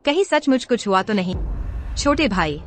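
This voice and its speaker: A woman's voice: medium pitch, very animated, normal speed, a little hiss or hum, natural voice. A woman voicing a fierce, caring young senior sister in a dubbed fantasy drama, urgent and impulsive.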